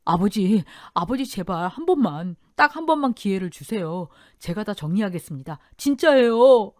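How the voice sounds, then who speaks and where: A woman's voice: fairly low pitch, animated, unhurried, a little mellow, no echo, studio quality. A woman voicing a desperate, violent husband who pleads and threatens. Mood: pleading. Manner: pleading, then menacing.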